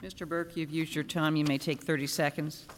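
A man speaking from the bench as presiding judge, with probing questions in halting phrases. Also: on the high side, level tone, fairly bright tone, a little hiss or hum. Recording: long hall reverberation.

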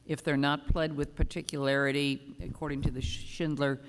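A man presides as a judge, speaking from the bench in probing, halting phrases. His voice is a little high and carries long room reverb. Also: level tone, smooth. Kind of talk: questioning from the bench.

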